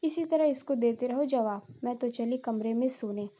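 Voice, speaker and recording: A woman's voice: a little high, moderate pace, dark tone, muffled recording, natural voice. A woman voicing a stern, scolding middle-aged mother-in-law in a cartoon story.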